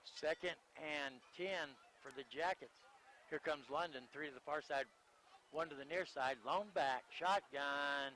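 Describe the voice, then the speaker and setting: A man calling a high school football game on the radio from outdoors, mixing play-by-play with joking, self-deprecating banter. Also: a little slow, sharp tone, a little hiss or hum, low-quality recording. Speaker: play-by-play announcer.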